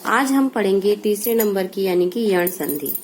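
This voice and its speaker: A woman's voice: mid-range voice, lively intonation, moderate pace, darkish tone. A woman teacher giving a grammar lesson, asking questions and answering them herself, with a faint hiss behind her.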